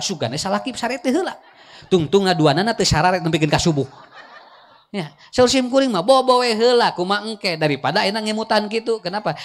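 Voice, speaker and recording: In a humorous Islamic sermon, a Sundanese-accented man alternates between booming, high emphasis and soft side remarks, frequently breaking into chuckles.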